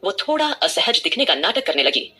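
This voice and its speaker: A woman's voice: medium pitch, sing-song, normal speed, sharp tone, husky. A woman narrating a scripted audio drama with dramatic storytelling.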